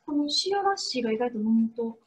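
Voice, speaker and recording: A woman with an Osaka accent, interpreting in a lively, casual way and switching between Japanese and simple English. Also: a little high, fast. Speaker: interpreter and co-host. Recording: noticeable background noise.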